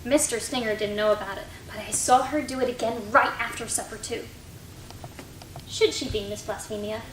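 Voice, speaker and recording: A woman's voice: a little high, normal speed, lightly acted. An actress playing a chatty, guileless young schoolgirl reading her report to class in a rehearsed stage reading. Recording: distant mic, roomy, faint noise.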